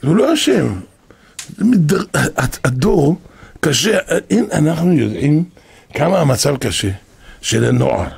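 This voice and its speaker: An older man who is a rabbi, giving an impassioned Torah lesson that often rises to shouts and repeats itself. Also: fairly high pitch, big pitch swings, gravelly, slightly rough, no room sound. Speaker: rabbi teaching a class.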